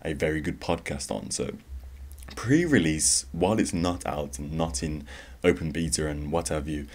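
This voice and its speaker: A man's voice: a bass voice, normal speed. A young man hosting a solo gaming podcast, talking in a rambling, conversational way with plenty of fillers and restarts. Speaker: podcast host.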